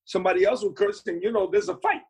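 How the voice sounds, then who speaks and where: A man's voice: high voice, fast, darkish tone, breathy edge. A man telling old band stories in an interview, rambling along with many fillers and restarts. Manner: rambling, full of "you know" fillers and restarts. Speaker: musician recalling band days. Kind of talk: anecdotal storytelling interview.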